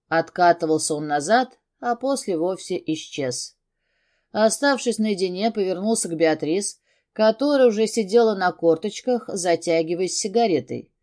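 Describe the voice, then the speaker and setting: A woman with a mid-range voice narrates a first-person story aloud like an audiobook, keeping her storytelling even and steady.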